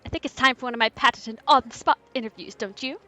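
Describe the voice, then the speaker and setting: A woman's voice: a little high, fast, lightly acted. A woman voicing an eager, cheerful young female reporter who is always chasing an interview. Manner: bright and eager.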